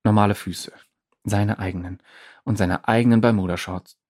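A man narrating an audiobook story in an expressive, dramatic way. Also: lowish voice, moderate pace. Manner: lively, expressive.

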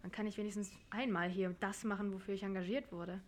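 A woman voicing a calm production staffer who talks in a quiet, soothing, steady way. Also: medium pitch, fast talker, natural voice.

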